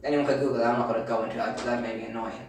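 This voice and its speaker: A man's voice: medium pitch, fairly even intonation, rapid-fire, gravelly, a little hiss or hum. A British man co-hosting a podcast, arguing his points in a rambling, repetitive way during a casual debate. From Britain. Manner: rambling, argumentative, repeats himself. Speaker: podcast co-host. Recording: very echoey room, distant mic.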